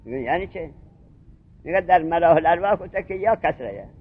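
A man's voice: fairly high pitch, expressive, a little hiss or hum. A man teaching a seminary grammar class, who drills his students with questions and repeats each point. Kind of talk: classroom lecture on Arabic grammar. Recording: muffled lo-fi lecture recording.

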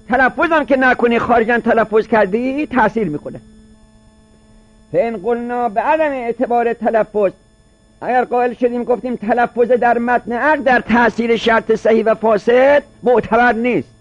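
A man's voice: extremely high pitch, no echo, dull audio. A man teaching a seminary class, reading phrases from a classical Arabic legal text and then explaining each one in plain everyday speech.

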